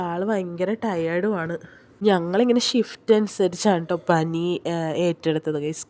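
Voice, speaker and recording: A woman's voice: fairly low pitch, warm tone. A young woman and mother, feverish and unwell, chatting casually to her viewers from a hospital room in a rambling way. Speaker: family vlogger, mother of two small children. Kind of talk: casual vlog chat to viewers.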